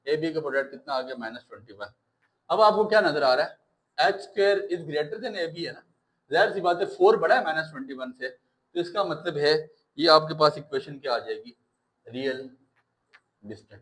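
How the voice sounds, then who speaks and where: A man's voice: on the high side, fairly bright tone, low-quality recording. A man with a Pakistani Urdu accent teaching a maths lesson, reassuring his students and mixing English maths terms into his explanations.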